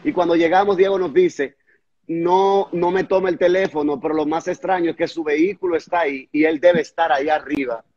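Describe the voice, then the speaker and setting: A man's voice: fairly high pitch, steady tone, fairly quick, darkish tone, muffled recording. Earnest man retelling a testimony. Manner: stumbles and repeats words at hard moments. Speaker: pastor and guest recounting a testimony.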